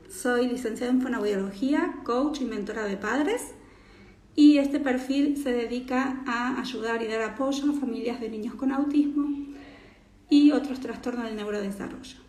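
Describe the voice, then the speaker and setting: A woman with an Argentine Spanish accent and a slightly high voice hosts a live-stream interview over a video call. She speaks in a friendly way, with frequent filler sounds between phrases. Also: normal speed, a little mellow. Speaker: host, speech therapist.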